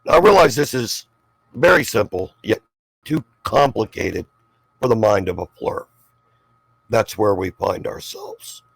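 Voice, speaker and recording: A low, gravelly male voice in an informal argument, dry and close. He sounds condescending and exasperated and swears freely. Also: measured pace, long pauses, dry recording, rough recording. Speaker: debater.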